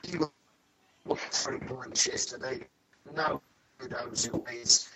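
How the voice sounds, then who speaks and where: A man's voice: mid-range voice, takes it slowly, over a noisy crowd. A man joining a casual football chat from afar, speaking earnestly and restarting his sentences, while his voice keeps breaking up over a glitchy connection. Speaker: podcast co-host on a remote call. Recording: noisy, clicking, dropping call line.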